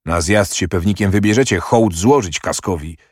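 A man's voice: low voice, moderate pace, dry recording, clean studio sound. A man reading the part of a proud, impatient young prince who speaks curtly and mockingly. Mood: brusque. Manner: curt, brusque and mocking.

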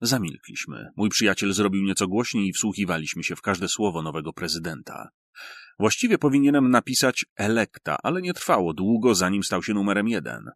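A man's voice: low-pitched, sing-song, brisk, a bit bright, no echo. A man reading a first-person audiobook story in a wry, storytelling manner. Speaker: audiobook reader.

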